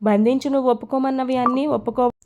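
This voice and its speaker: A woman's voice: high voice, steady tone, fast, mellow. Woman voicing a defiant young man. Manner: protesting, indignant. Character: defiant young man under interrogation, protesting.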